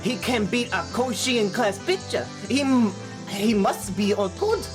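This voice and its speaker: A woman reading game dialogue aloud among friends, halting and stumbling over the lines. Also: medium pitch, animated, music in the background.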